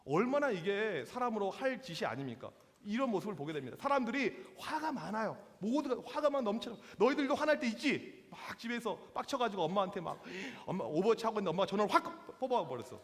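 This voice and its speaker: A man in his forties preaches to teenagers as a youth pastor, high-pitched and very lively, slipping into playful voices for the stories he tells. His voice rings with the long reverb of a church hall. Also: fast talker, hardly any pauses. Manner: lively, acts out quotes in voices, slangy with teens. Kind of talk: sermon to teenagers.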